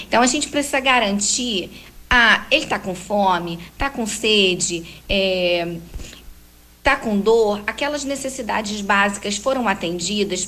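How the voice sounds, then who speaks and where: A woman explaining how to calm and comfort young children, acting out the gentle words a parent would say. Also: mid-range voice, poor audio. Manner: warm explanatory, acts out gentle talks with a child. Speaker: parenting guest expert. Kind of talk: conversational advice talk.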